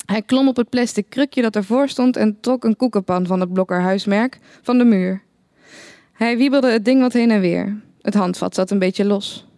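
A woman narrating a satirical short story in the first person, with a dry, deadpan manner. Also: mid-range voice, normal speed, no room sound.

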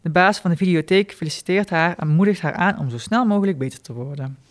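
Guy reading out his short stories, dry deadpan delivery, kinda high voice. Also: fast talker.

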